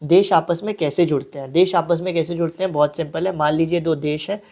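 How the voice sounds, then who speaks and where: A man's voice: a little high, steady tone, fairly quick, gravelly, a little mellow. A young man teaching an online exam-prep class in a casual, chatty way, often mixing in English terms and stopping for friendly asides.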